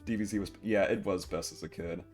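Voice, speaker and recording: A man's voice: low-pitched, fairly quick, darkish tone. A young adult man livestreaming, chatting casually and rambling to viewers with occasional acted-out quotes. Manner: rambling, chuckling, acts out short quotes. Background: guitar music.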